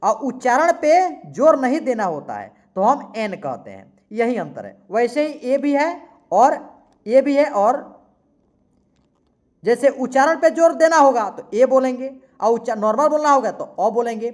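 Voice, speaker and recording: A man teaching English grammar in a classroom lesson. He talks slowly and repeats himself, spells words out letter by letter, and asks questions that he then answers himself. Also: very high-pitched, big pitch swings, darkish tone.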